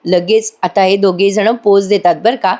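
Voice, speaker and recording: A woman's voice: mid-range voice, fairly even intonation, normal speed, dark tone. A woman narrating a voice-over recap of a TV serial episode in a chatty storytelling manner, talking to her listeners.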